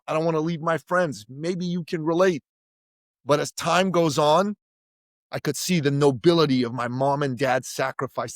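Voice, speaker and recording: A man's voice: fairly high pitch, no room sound, studio quality. A middle-aged man from Iran, a podcast guest, telling his family's story in an emphatic, orator-like way. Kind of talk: impassioned storytelling.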